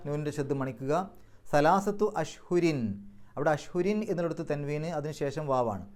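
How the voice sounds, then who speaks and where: A man giving a religious lesson, explaining recitation rules step by step and slowly chanting example words. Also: a little high, darkish tone. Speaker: Quran teacher.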